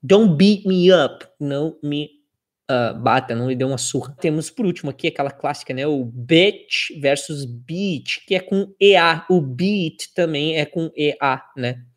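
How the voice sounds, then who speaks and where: A woman's voice: sits low, moderate pace. A woman teaching English pronunciation in a casual spoken lesson, drilling word pairs and adding laughing asides. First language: Brazilian Portuguese.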